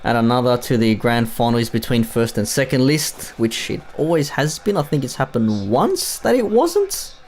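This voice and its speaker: A man's voice: medium pitch, sing-song, normal speed, slight background noise. A man hosting a live stream, reacting to a football match with exasperated outbursts and rambling talk.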